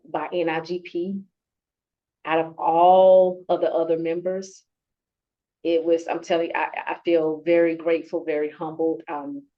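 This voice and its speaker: A woman's voice: low-pitched, a little mellow. Earnest woman on a dull lo-fi recording. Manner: earnest and heartfelt, halting. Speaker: award-winning procurement professional, guest. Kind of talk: conversational interview. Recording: dull lo-fi sound.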